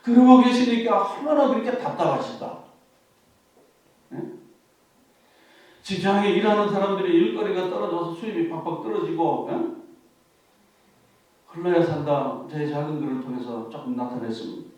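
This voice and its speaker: A male pastor preaching a sermon, putting rhetorical questions to his congregation and dropping to a hush for quoted words. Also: sits high, normal speed, long pauses, very echoey, recorded from a distance, low-quality recording. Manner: animated preaching, softening to a hush when quoting Jesus.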